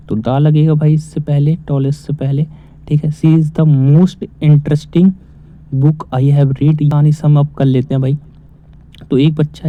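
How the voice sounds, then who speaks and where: A man teaching grammar, asking questions and then answering them himself. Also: a little high. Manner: explains step by step, asks and answers own questions. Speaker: English teacher. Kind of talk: casual spoken lesson. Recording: tinny phone-like audio.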